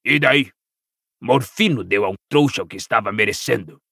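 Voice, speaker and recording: A man voicing a coarse, hostile old father in an audiobook, snarling and mocking in slow, menacing speech. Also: lowish voice, vocal fry, bright, forceful tone, husky, no room sound, studio quality, voice pushed down, exaggerated voice. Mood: contemptuous.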